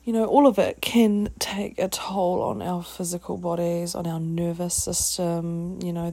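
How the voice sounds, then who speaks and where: Kiwi woman doing a reflective wellness chat, new zealand accent, really unhurried n pretty flat, halting and thoughtful. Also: lowish voice, vocal fry. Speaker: podcast host. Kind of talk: reflective solo wellness talk.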